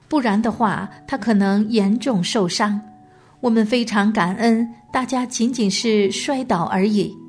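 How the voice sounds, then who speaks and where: A woman hosting a radio program, telling a biography as scripted narration in a gentle, measured way. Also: medium pitch.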